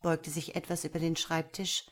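Female audiobook narrator, steady crime-fiction reading, lower-pitched voice. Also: normal speed. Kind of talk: scripted crime-novel narration.

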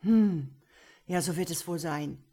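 A woman's voice: fairly low pitch, slow, dark tone, slightly rough, heavily acted. A woman voicing a puzzled, plain-spoken young male soldier scout.

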